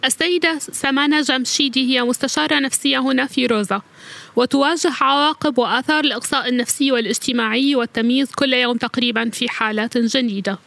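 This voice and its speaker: A woman's voice: sits high, very fast, gravelly, fairly bright tone, no echo. A woman reading a scripted translation as a voice-over narrator.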